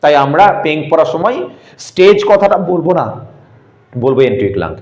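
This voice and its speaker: A man's voice: a little high, big pitch swings, brisk, a little mellow. A man teaching a geography class, spelling out terms letter by letter and drilling the students. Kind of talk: classroom lecture. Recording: echoey room.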